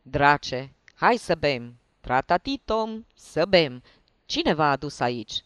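A narrator voicing a loud, carefree, drunken lieutenant in an audiobook reading. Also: medium pitch, big pitch swings, clean tone, no room sound, clean studio sound. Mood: rowdy. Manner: loud, swaggering, urging others to drink.

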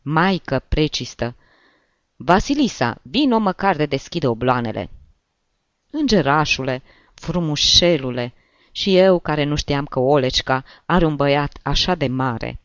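A man's voice: on the high side, lively intonation, fairly bright tone, smooth, dry recording, dull audio. Man voicing a tearful gushing plump hostess. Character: plump tearful middle-aged woman, emotional hostess. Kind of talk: audiobook reading.

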